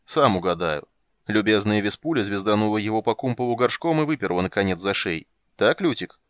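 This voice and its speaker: A grumpy, wary halfling merchant who speaks grudgingly, as a male audiobook narrator puts him on. The voice dips lower than the narration and stays gruff. It is recorded dry and close. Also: animated, a little fast, no room sound, close to an everyday voice. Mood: wry. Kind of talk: audiobook character voice.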